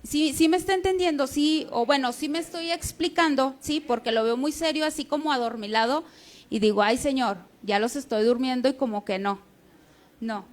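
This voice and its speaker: A woman's voice: sits high, normal speed. A woman preaching a sermon, in a conversational teaching manner that keeps checking in with the congregation.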